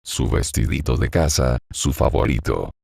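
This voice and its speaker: A man's voice: a bass voice, expressive, measured pace, vocal fry, darkish tone, breathy edge, no echo, clean studio sound, heavily acted. A man reading the part of a grieving, confused old man in an audiobook, murmuring in a hollow voice as if talking to himself. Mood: tender, dazed.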